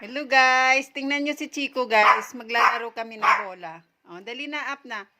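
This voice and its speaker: A woman's voice: on the high side, moderate pace, very noisy. A woman filming a casual vlog at home, playfully coaxing her dog and laughing often. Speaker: vlogger.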